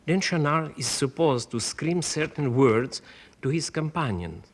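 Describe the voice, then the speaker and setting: An older man, an opera singer, telling a story about a rehearsal with lively acted-out quotes, on an old radio broadcast. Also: on the high side, unhurried. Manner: animated storyteller acting out quotes. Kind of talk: storytelling reminiscence. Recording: 1960s radio broadcast transfer.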